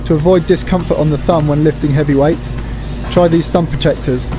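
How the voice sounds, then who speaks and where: This middle-aged man presents gym exercises in an instructional video, narrating in a straightforward, explanatory manner. His voice is a little high and steady in tone, and his delivery is brisk. There is music in the background.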